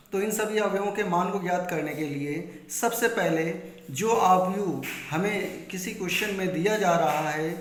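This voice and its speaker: A man's voice: fairly high pitch, echoey room. A man with a Hindi-speaking north Indian accent, teaching maths step by step to students, repeating key points and asking questions he answers himself. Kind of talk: classroom lesson explaining step by step.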